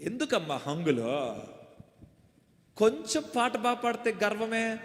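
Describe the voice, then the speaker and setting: Pastor, male, Telugu accent, high voice; fervent call-and-response sermon; long echoey hall sound. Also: very animated, unhurried. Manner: call-and-response preaching, shouting refrains. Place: church hall or meeting.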